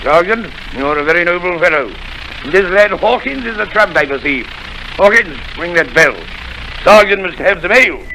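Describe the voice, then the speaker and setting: An actor playing a boastful, excitable country squire in a 1930s radio drama, talking in a theatrical, exclaiming way. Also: male voice, high voice, normal speed, vocal fry, slight background noise, full character voice, poor audio. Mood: hearty. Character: blustering, boastful middle-aged country squire.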